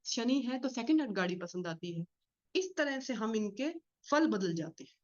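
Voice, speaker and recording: A woman teaching an astrology class in a fast, explanatory lecture style, often asking and answering her own questions. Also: a little high, animated. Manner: fast-talking, explains with repeated rhetorical questions. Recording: slightly dull lo-fi audio.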